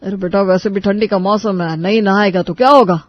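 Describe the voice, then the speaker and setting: A performer voicing a stern, grumpy middle-aged father in a cartoon story, scolding gruffly. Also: medium pitch, steady tone, a little fast, no echo, lo-fi sound, close to an everyday voice.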